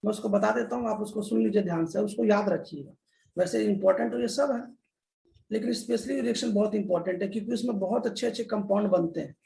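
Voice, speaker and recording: A man's voice: sits high, fast talker, gravelly, mellow. A man teaching a chemistry lesson in a classroom style, repeating key terms and often addressing the children. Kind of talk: classroom lecture. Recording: echoey room.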